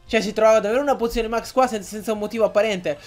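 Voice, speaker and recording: Young man, high voice, gaming commentary, excitable, swears, faint game music behind. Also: very fast. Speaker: gaming YouTuber. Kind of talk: Let's Play commentary.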